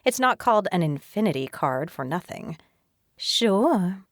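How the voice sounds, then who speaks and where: A woman narrating a romance audiobook in the first person in a steady, even reading voice. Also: on the low side, fairly quick, no room sound, studio quality.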